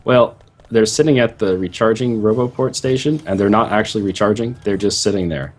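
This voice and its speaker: A man's voice: lowish voice, a little fast. A man co-hosting a gaming chat, telling stories animatedly with frequent restarts. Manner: animated storytelling, stumbling restarts. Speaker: co-host of a gaming series.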